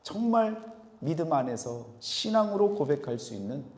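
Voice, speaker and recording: A man preaching a sermon as pastor, rising to loud emphatic peaks and then dropping to quiet, low phrase endings. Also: big pitch swings, normal speed. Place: church sanctuary. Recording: echoey church hall with long reverb.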